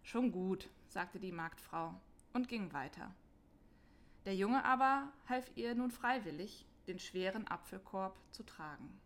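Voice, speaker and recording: Slow, calm woman reading a children's story. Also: mid-range voice. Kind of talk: scripted narration of a children's Christmas story.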